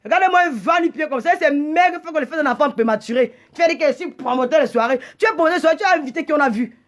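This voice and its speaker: Agitated female livestream host, very high pitch, indignant scolding delivery with stammered repeats. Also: rapid-fire. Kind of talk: heated live rant.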